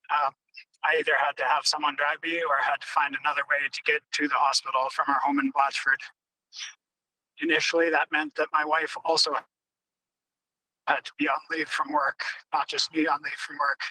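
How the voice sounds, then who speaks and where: A man's voice: a little high, bright, forceful tone, no room sound. A man calling in on a car hands-free phone while driving, speaking earnestly and directly at a public hearing. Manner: earnest and direct, with some restarts. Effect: car hands-free phone call. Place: in a moving car. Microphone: car hands-free device.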